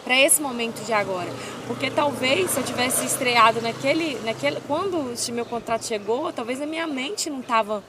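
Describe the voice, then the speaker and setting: A woman's voice: fairly high pitch, a little fast, few pauses, noisy background. A woman in her twenties from Brazil, an MMA fighter telling her story in an interview with devout, emotional feeling. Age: 20s. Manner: emotional, devout, animated retelling. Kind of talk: casual interview.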